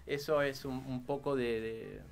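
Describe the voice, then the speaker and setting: A man, a historian guest in a radio interview, telling history in an animated way with many restarts. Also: medium pitch, a little slow, faint music behind.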